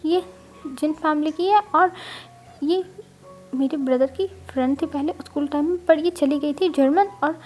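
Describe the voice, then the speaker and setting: A woman's voice: high voice, normal speed, darkish tone, faint music behind, close to an everyday voice. A woman voicing a playful young man who teases and needles his friend, in a storybook reading. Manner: teasing, needling.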